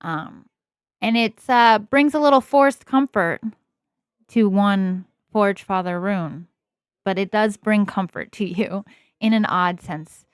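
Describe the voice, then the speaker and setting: A woman running a tabletop game as game master, narrating in a relaxed, meandering way with many pauses. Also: medium pitch, clear, resonant tone, no echo, clean studio sound.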